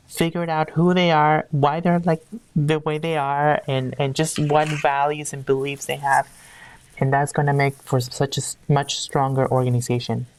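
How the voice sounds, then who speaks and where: A deep, echo-free female voice belongs to an HR executive from Peru being interviewed conversationally. Earnest in manner, she searches for the right words and restarts her sentences often.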